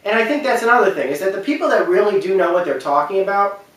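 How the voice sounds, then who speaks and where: This man has a high, somewhat bright voice with lively intonation and a quick pace. An online video commentator, he delivers an unscripted, rambling opinion rant and repeats his points for emphasis. The room is echoey and he sits far from the mic.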